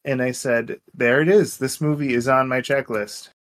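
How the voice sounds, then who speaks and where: On a casual movie podcast, a male co-host chats with wry, playful turns of phrase. His voice is medium-pitched, with fairly even intonation and a moderate pace.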